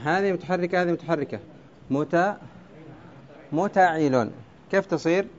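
A man's voice: fairly high pitch, moderate pace. A man teaching a class on Arabic prosody, explaining step by step and quizzing his students with questions. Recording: dull lo-fi classroom recording.

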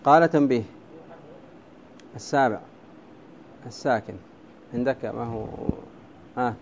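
At a measured pace and medium pitch, a man explains Arabic prosody step by step, pausing to question his students. The lo-fi classroom recording is dull, with a bit of hiss or hum.

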